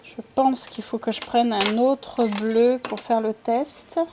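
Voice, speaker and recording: A woman's voice: on the high side, steady tone, takes it slowly, noisy background. A woman chatting casually while painting, thinking aloud and answering viewers' comments in a playful put-on accent. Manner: playful, puts on a random accent. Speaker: streamer painting with watercolors.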